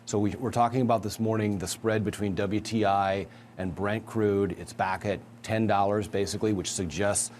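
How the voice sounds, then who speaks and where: A man giving a measured, analytical market view as a guest in a financial news interview. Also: lowish voice, steady tone, darkish tone, slight background noise. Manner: measured, analytical, emphatic asides.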